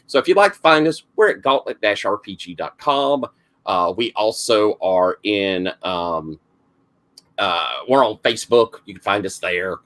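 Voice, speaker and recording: A middle-aged man from South Carolina, US, with a heavy Southern accent and a gravelly, lowish, slightly bright voice, casually introduces the game he runs as game master. He rambles with lots of fillers and restarts, speaking a little slowly with lively intonation.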